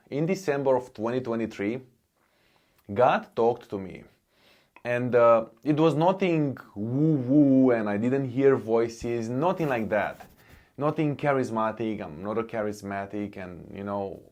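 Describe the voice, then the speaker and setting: A man from Romania with a Romanian accent, in his thirties, telling his personal faith story in a slow, earnest way with many pauses. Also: on the low side, darkish tone. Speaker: faith vlogger. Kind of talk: personal testimony.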